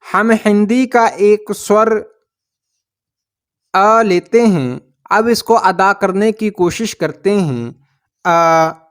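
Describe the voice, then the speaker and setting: A man gives a language lesson, his voice sitting noticeably high. He talks slowly and patiently, stretching out each sound he demonstrates. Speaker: language teacher. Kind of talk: slow explanatory lesson.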